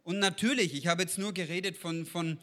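High, bright-voiced man preaching. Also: a little fast. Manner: conversational, addresses listeners with questions. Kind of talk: informal sermon.

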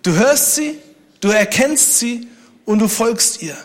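A man's voice: extremely high pitch, animated, slow pace. A man preaching a sermon, speaking conversationally and joking with the congregation. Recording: long hall reverb.

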